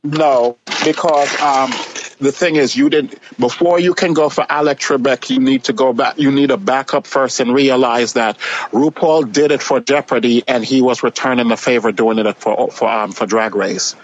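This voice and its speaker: A man's voice: medium pitch, fairly even intonation, moderate pace, dull audio. A man with a Jamaican accent in casual, opinionated discussion, speaking assertively and repeating phrases for emphasis.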